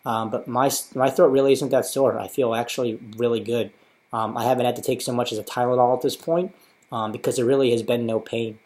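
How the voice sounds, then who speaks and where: A man's voice: mid-range voice, steady tone, fairly quick, a little mellow. A man in his thirties with an American accent, talking casually and matter-of-factly in an informative personal video diary. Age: 30s. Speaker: patient sharing his surgery experience.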